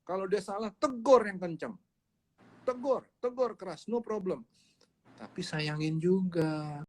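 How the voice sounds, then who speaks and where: A man's voice: sits high, measured pace, darkish tone. A man preaching in a livestreamed sermon, speaking emphatically and repeating his key words. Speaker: pastor.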